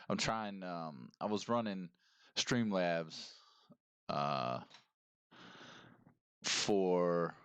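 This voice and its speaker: A deep, low-pitched man in his thirties talks to his stream chat through a headset mic, rambling and chatty, greeting viewers one by one. The livestream audio is close and dry, with a smooth, clean tone. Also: no echo.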